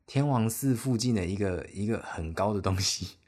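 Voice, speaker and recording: A man's voice: on the low side, normal speed, darkish tone. A young man with a Taiwanese Mandarin accent hosting a solo podcast, telling a travel story in a rambling, self-deprecating, chatty way. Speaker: podcast host.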